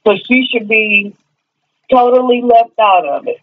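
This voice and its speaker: A woman's voice: a little high, a little slow. A woman calling in over a speakerphone, giving her opinion plainly and laying out her points one by one. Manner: plainspoken, lays out points in order. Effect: heard over a phone on speakerphone. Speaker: caller. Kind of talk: casual chat. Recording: tinny phone line on speaker.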